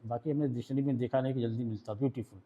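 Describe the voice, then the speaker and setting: A man's voice: mid-range voice, fairly even intonation, dark tone, lo-fi sound. A man with an Indian accent teaching a shorthand lesson, explaining rules step by step and often checking whether his students have understood. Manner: reads rules aloud in English slowly, then explains in Hindi. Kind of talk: classroom lesson.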